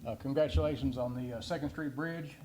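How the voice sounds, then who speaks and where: Here is an older man with a Kentucky accent, speaking at a city hearing. He talks politely and haltingly, stopping often on fillers, at a middle pitch. Faint room noise sits behind his voice. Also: dark tone. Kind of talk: public comment.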